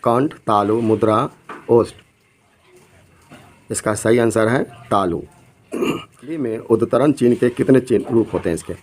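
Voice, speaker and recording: A man's voice: medium pitch, measured pace, long pauses, a little mellow, low-quality recording. A man teaching an exam lesson, reading out each multiple-choice question and its options, then giving the correct answer.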